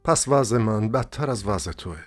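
A man's voice: on the low side, soft background music, lightly acted. A man voicing a lovesick young dreamer in an audiobook, urgent and impassioned.

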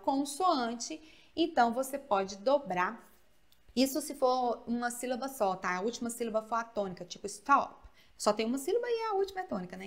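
A woman from Brazil giving a video lesson as an English teacher, explaining step by step, checking in with her students and repeating example sentences slowly. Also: on the high side.

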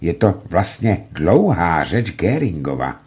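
Low, husky-voiced male reader. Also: very animated, a little mellow. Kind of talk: documentary book reading.

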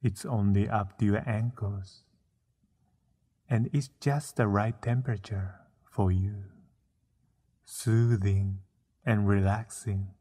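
A man narrating a guided meditation, soothing and unhurried, with frequent pauses between short phrases. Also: lowish voice, steady tone, warm tone, breathy edge.

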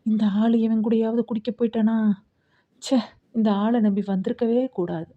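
Woman voicing a frantic young mother, wailing high. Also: steady tone, normal speed, narrow, tinny audio, natural voice. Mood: anxious, bitter. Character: distraught young pregnant village woman.

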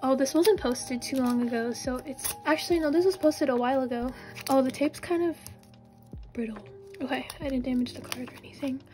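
A young woman vlogging a casual unboxing, often gasping and squealing with excitement. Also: high voice, fairly quick, faint music behind.

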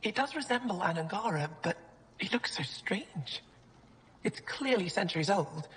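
A woman's voice: mid-range voice, expressive, normal speed, natural voice. An actress voicing a thoughtful female alien museum curator in a video game. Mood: awed, intrigued. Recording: reverberant game audio.

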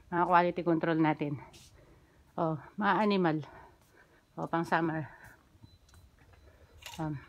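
A woman's voice: medium pitch, a bit bright. A woman gives a chatty, upbeat walking tour of the shop where she works, pointing out items to her viewers. She records it on a handheld phone inside the store and its stockroom. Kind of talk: casual walking vlog.

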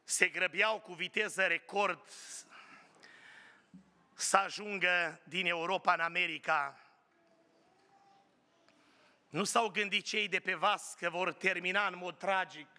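A man delivers a fervent sermon in a high, sharply bright voice. His appeals climb higher as he goes, and he slows down to press his points home. Long church reverb trails after every phrase. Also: steady tone. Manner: fervent preaching, rising in pitch on appeals, slows for emphasis. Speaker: pastor. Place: church sanctuary.

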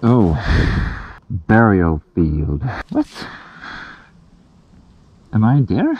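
Male vlogger, lowish voice behind a gas mask, muffled, unhurried casual delivery, faint outdoor noise. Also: wildly swooping pitch. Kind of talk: casual outdoor adventure vlog talk to camera. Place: outdoors in a forest. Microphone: action camera at arm's length.

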